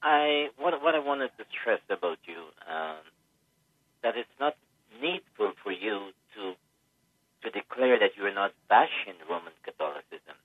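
Older caller from Guyana on a tinny phone line. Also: male voice, lowish voice, expressive, no room sound. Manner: halting, repeats words, then states his view emphatically. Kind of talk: call-in radio talk.

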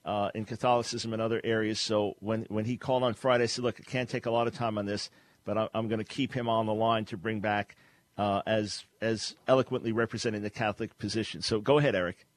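A man's voice: on the low side, quick pace. Firm man hosting a call-in radio show. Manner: firm, steady, speaks in long earnest stretches. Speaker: radio talk show host.

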